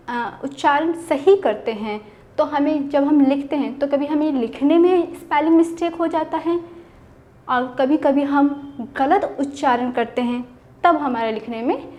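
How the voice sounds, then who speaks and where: A woman with a high, light voice and an Indian accent, teaching a school lesson for children. She is patient and spells each word out syllable by syllable, putting questions to the class and then answering them herself. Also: a little mellow. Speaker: Hindi teacher.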